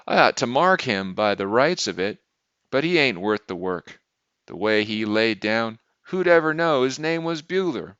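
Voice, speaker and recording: A man reading a story voices a bearded, rugged canal-boat father with a folksy drawl. His tone is smooth and clear, slightly raised above the reader's own. The recording is dull, dry and lo-fi. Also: mid-range voice, animated, normal speed, fairly bright tone, no room sound, lightly acted. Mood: gruff easy.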